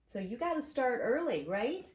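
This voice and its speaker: Very animated and a little mellow, a middle-aged woman with a fairly high voice reads a picture book to her grandchild at a moderate pace. She keeps things encouraging with chatty asides and questions that check the child understands. The audio, from a wood-shelved home study, carries a roomy echo plus faint noise and clicks.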